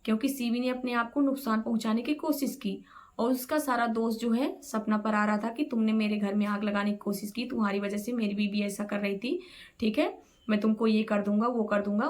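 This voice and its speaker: Chatty high-voiced woman vlogger. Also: fairly even intonation, a little fast. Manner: chatty, keeps saying "okay" to viewers. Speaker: vlog host. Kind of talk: casual gossip commentary.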